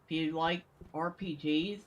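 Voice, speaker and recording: A woman's voice: deep voice, steady tone, unhurried, lo-fi sound, heavy background noise. A woman streaming a game, chatting casually and answering her viewers between exclamations. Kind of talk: casual live-stream commentary.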